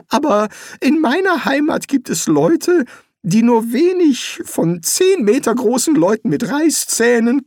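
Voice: mid-range voice, a little mellow, dry recording, studio quality, pitched above the performer's own voice. A reader voicing a nervous, cowardly male wizard in an audiobook, hesitant and flustered. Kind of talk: audiobook character voice.

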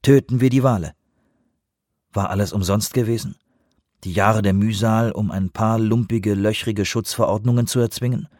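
A man reading a novel aloud as an audiobook narrator, in measured storytelling. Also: lowish voice, steady tone, darkish tone, dry recording, clean studio sound. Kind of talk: scripted narration.

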